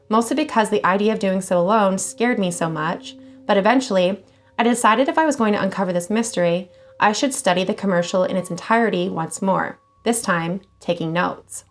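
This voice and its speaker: A woman hosting a channel where she reads scary online stories aloud, expressive and casual, swearing now and then. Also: medium pitch. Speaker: horror story channel host.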